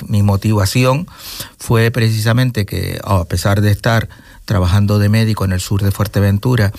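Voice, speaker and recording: A man, answering interview questions in a measured, thoughtful way and pausing to find his words. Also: on the low side, a little mellow, no echo. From Gran Canaria, Spain. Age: 60s. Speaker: interview guest, nature reserve director. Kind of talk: casual interview conversation.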